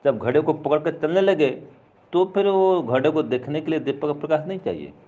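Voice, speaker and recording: A man's voice: a little high, expressive, fairly quick, dark tone, highs cut off. A man teaching a classical philosophy text, explaining each point patiently with everyday examples and going over it again.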